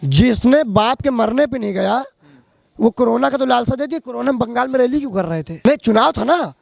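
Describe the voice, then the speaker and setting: Brief: outspoken local man, very high pitch, fiery street-interview orator. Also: lively intonation, a little fast, vocal fry, no room sound.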